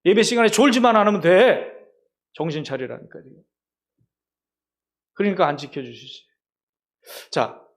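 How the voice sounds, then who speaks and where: A male pastor delivering a sermon in a fairly high voice. He talks emphatically and keeps turning to the congregation with rhetorical questions.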